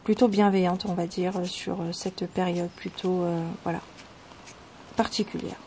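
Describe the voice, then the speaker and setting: A woman hosting a casual video about her oracle cards, talking with many pauses, fillers and restarts. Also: lowish voice. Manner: reads card texts in a soft, calm tone. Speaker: channel host presenting oracle cards. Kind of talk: casual chat. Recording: home video with clear background noise.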